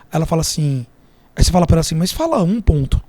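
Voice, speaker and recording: A Brazilian entrepreneur and mentor appears as a podcast guest, chatting casually in a Brazilian Portuguese accent. His voice sits high and is sing-song, very fast, and a little mellow. He tells anecdotes and parables, acting out quotes, and the recording is dry.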